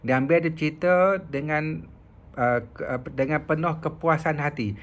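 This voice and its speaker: A man's voice: fairly high pitch, unhurried. A man, a professor talking casually about mental health and telling stories with frequent filler sounds. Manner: chatty, storytelling with filler sounds. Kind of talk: casual explanatory talk.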